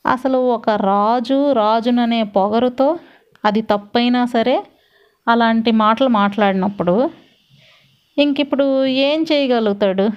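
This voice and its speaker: Woman, storyteller, conversational epic retelling, English words mixed in, fairly high pitch, dull lo-fi recording. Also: a little slow, pauses often, clean tone.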